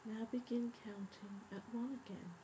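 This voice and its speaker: A woman leading a guided breathing meditation in a soft, soothing, measured spa voice that often trails toward a whisper. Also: a little high, fairly even intonation. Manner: measured, instructive. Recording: faint background noise and ambience.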